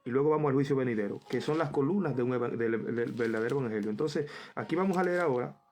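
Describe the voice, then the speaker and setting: A man's voice: mid-range voice, fast, darkish tone, faint music behind. A man preaching a Bible study, reading verses aloud and repeating them for emphasis while calling the listeners brother.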